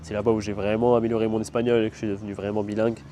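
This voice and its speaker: A man's voice: fairly low pitch, little pitch movement, very fast, warm tone, a little hiss or hum. A young man telling a travel story in a casual, slangy, rambling way, full of fillers. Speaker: travel vlogger.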